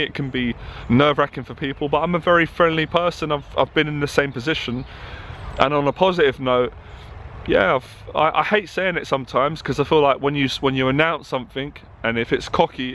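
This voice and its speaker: A man's voice: fairly high pitch, a bit bright, a little hiss or hum. A man who coaches confidence, talking openly to camera and getting passionate and emotional. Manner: open and emotional, growing passionate. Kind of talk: candid talk to camera. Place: outdoors in a town.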